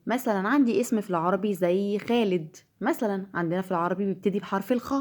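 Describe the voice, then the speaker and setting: Egyptian-accented female English teacher, patient and repetitive, mid-pitched voice. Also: darkish tone. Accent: Egyptian Arabic. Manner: patient, repeats words slowly to drill them. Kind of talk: classroom-style lesson.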